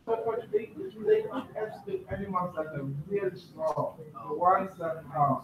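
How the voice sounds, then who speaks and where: A man with a South African accent speaking to schoolchildren in a classroom, asking them questions and pausing on fillers. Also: high voice, lively intonation, muffled recording, a crowd in the background. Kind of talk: classroom talk. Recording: roomy, distant classroom recording with faint noise.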